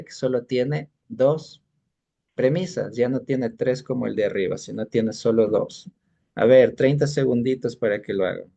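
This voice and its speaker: A man's voice: mid-range voice, gravelly, dark tone. A male teacher giving an exam-prep lesson, explaining patiently and often stopping to check that students are following. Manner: patient explaining, keeps checking in with short questions.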